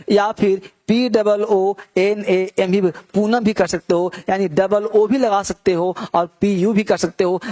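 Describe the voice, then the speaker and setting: A man gives a classroom English spelling lesson. He mixes Hindi with English phrases, calls his students "beta" and repeats words slowly to stretch out each sound. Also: high-pitched, darkish tone. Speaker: English teacher.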